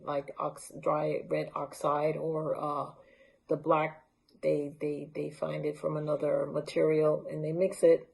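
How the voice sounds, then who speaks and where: Woman, low voice, gravelly fry, casual show-and-tell, unscripted presenter. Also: darkish tone. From Honduras. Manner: unscripted, holding up objects to the camera. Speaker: library art talk presenter.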